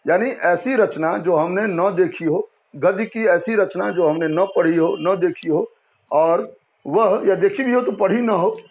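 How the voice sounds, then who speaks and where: A man's voice: sits high, measured pace, a little mellow. A man teaching a Hindi language lesson to students, explaining patiently and often asking and answering his own questions. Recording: dull lo-fi sound.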